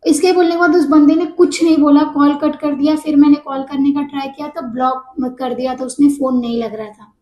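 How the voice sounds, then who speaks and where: A woman casually telling a personal story to camera, animated and mixing English words into her speech. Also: high-pitched, a little fast, hardly any pauses, reverberant, low-quality recording.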